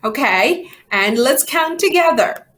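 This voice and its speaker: A woman's voice: sits high, expressive, slow pace, a bit bright. A woman teacher leading a children's language lesson, speaking in simple, carefully enunciated instructions, questions and repeat-after-me drills.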